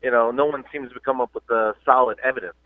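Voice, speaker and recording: A man's voice: mid-range voice, fairly even intonation, quick pace, no echo. A man from the southern US calling in to a radio show by phone. He talks hesitantly, with many uhs, and trails off when pressed. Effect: calling in over a phone line. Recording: dry, tinny phone line.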